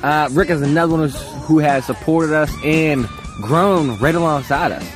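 A man's voice: fairly high pitch, normal speed, soft background music. A man co-hosting a casual podcast outdoors, plugging things in a loose, profane, informal way. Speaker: podcast co-host. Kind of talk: casual podcast banter and sponsor reads. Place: outdoors on a ranch.

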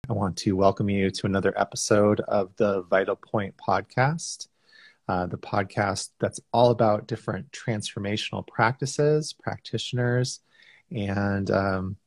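A man with a fairly low voice hosts a podcast interview. He is easygoing and a little hesitant, and his voice is recorded close and dry with no room sound. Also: steady tone, a little slow, no room sound. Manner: easygoing, hesitant with frequent fillers. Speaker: podcast host.

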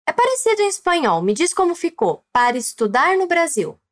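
High, lively Brazilian woman teaching Spanish. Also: fairly quick. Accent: Brazilian Portuguese. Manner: encouraging, prompts listener to repeat. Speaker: Spanish teacher and podcast host. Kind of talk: language lesson podcast.

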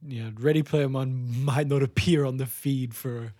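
A man's voice: medium pitch, steady tone, warm tone. Joking, swearing male podcast co-host. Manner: joking, swearing, quick asides. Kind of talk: casual chat.

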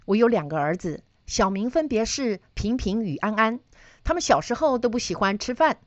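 A middle-aged woman lectures on data analysis, weaving in stories from her own life and turning questions back to her listeners. Her voice sits somewhat high and moves up and down a great deal. The recording is dry and a little dull. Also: animated, moderate pace, no echo. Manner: storytelling, asks listeners questions.

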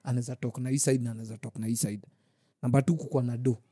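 Young man, Kenyan accent, mid-pitched, rapid slangy storytelling, mellow tone, casual. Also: flat delivery, husky, no room sound, studio quality. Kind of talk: casual group discussion and storytelling.

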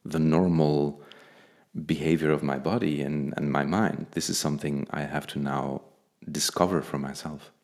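Guy with a super low voice, slow and thoughtful, opening up in an interview. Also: fairly even intonation, a little mellow. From Belgium. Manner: thoughtful, candid, slow and measured. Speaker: interview guest. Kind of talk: reflective personal interview.

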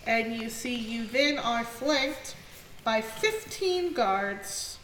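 Slow halting gm lady, kinda high voice, echoey room off mic, noisy background. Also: animated, a bit bright. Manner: halting, frequent fillers and self-corrections. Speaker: game master. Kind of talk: narrating a tabletop game.

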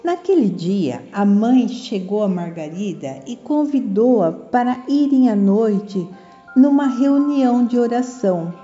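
An older Brazilian woman reads a story for small children in a gentle, instructive way. Her voice is very mellow and her delivery slow and measured. The room echoes around her. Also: fairly high pitch, lively intonation, muffled recording. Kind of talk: scripted children's story narration. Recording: echoey room, soft music behind.

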